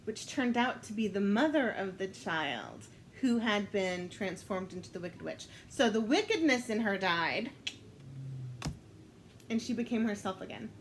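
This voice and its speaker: A woman telling a story aloud while playing a storytelling card game, unhurried and thinking aloud, often breaking into laughter. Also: medium pitch, lively intonation, noisy background. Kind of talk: casual storytelling game play.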